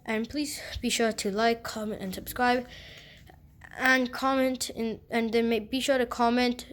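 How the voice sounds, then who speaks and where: A female-sounding voice at a middle pitch delivers card magician patter in a casual, tutorial way. The host explains step by step and often rephrases each instruction. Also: fairly even intonation, measured pace, fairly bright tone.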